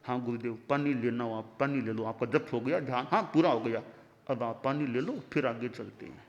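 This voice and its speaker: A man's voice: mid-range voice, brisk, muffled recording, pitched below the performer's own voice, natural voice. A man doing an eager boy disciple. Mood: earnest. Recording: long hall reverb.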